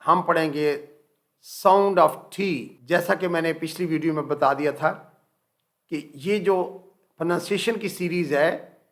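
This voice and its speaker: A man's voice: on the high side, measured pace. A man teaching English pronunciation, drawing out his words and saying each example word twice. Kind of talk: slow, deliberate teaching.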